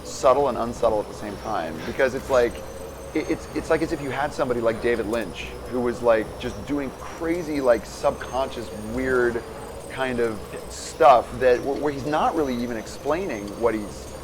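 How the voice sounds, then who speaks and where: A man's voice: medium pitch, normal speed, background noise. A man co-hosting a live game stream, chatting casually and rambling with lots of filler words. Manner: rambling, animated, many "like" fillers. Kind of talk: casual chat while playing a game.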